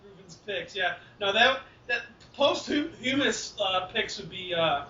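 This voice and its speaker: A man's voice: high-pitched, animated, measured pace, sharp tone. A man hosting a podcast, agreeing with his guest and moving on to new topics. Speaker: podcast host. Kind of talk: casual interview. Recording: distant, roomy, dull with faint hiss.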